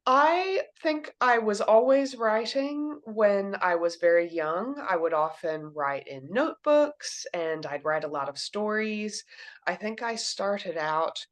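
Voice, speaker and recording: A woman's voice: medium pitch, lively intonation, takes it slowly. A woman in her thirties from Kentucky, a children's book author answering interview questions and explaining things simply. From Kentucky, USA.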